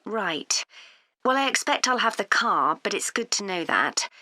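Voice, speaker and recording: A woman's voice: medium pitch, big pitch swings, a little slow, sharp tone, no echo, studio quality. A woman in her thirties playing a practical, upbeat mother looking for receptionist work in a scripted exam dialogue, asking friendly questions. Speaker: job seeker.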